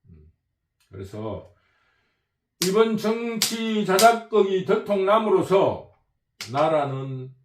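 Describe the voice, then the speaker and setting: A man's voice: high voice, sing-song, slow, pauses often, roomy sound, background noise. Emphatic man. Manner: emphatic, repetitive, rambling. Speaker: political commentator. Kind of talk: opinionated political monologue.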